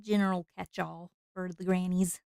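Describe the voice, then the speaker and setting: A woman's voice: fairly low pitch, flat delivery, moderate pace, vocal fry, a little mellow, smooth, no echo, studio quality. A woman streamer chatting casually while she draws, rambling along with lots of fillers and frequent laughter.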